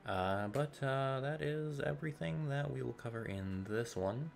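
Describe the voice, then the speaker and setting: A man's voice: mid-range voice, expressive, unhurried, vocal fry, faint music behind. A man giving dry, sarcastic, rambling commentary over his gameplay at home into a desk mic. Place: home room.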